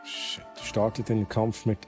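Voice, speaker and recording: A man's voice: fairly low pitch, completely flat delivery, takes it slowly, faint music behind. A man with a Swiss German accent streaming a game, chatting casually with viewers, laughing often and reading the game's text aloud. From Switzerland. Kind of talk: casual gameplay commentary.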